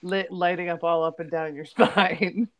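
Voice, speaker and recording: A woman's voice: fairly low pitch, steady tone, measured pace. A woman chatting casually as a podcast panelist. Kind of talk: casual chat.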